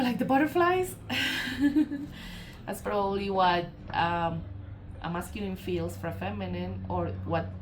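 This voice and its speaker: With a lowish voice and a Colombian Spanish accent, this tarot reader from Colombia channels a relaxed reading that meanders. She fills pauses, corrects herself, and laughs softly, all over a noisy background.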